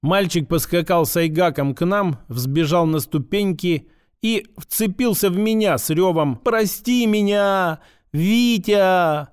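A man narrates an audiobook with expressive, wry delivery, and his voice sits a little higher than most men's. The reading is steady, with colour and irony. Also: measured pace, dry recording, clean studio sound. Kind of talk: scripted narration.

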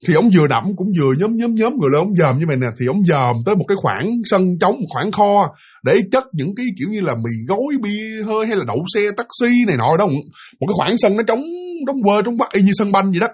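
A man with a Southern Vietnamese accent, casually retelling a ghost story in an animated way, full of fillers and repeated words. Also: sits high, fast, slightly rough.

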